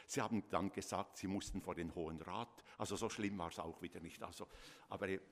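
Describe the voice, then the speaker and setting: An older man preaches from the pulpit in a fairly low voice. He speaks earnestly and with animation, slipping into the voices of the people he quotes. A long church reverb trails every phrase. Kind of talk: sermon.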